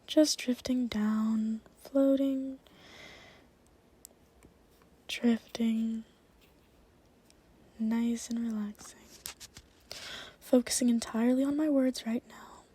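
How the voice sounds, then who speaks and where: A woman leading a hypnosis induction with a slow, soothing countdown manner, in a hushed, breathy voice that drifts toward a whisper. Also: a little high, steady tone. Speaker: hypnotist performing for a live online audience.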